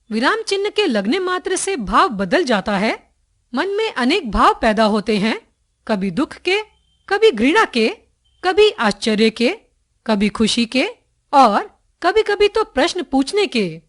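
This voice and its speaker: A woman narrates a textbook grammar lesson at an unhurried, measured pace. Her voice sits somewhat high and moves expressively up and down. She pauses carefully between phrases. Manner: slow, deliberate reading with careful pauses.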